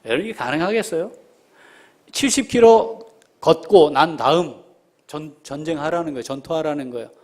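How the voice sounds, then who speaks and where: A man's voice: a little high, moderate pace, darkish tone. A male pastor preaching a sermon, firing rhetorical questions at the congregation, calling members by name and dropping to a whisper when he prays.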